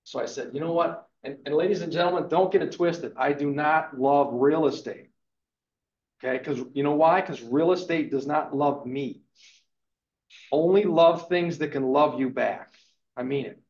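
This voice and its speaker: A man's voice: on the high side, moderate pace, a little mellow. A man in his fifties giving an emphatic, motivational real estate lecture to a live class, punctuating points with "okay". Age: 50s. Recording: echoey room, dull lo-fi sound.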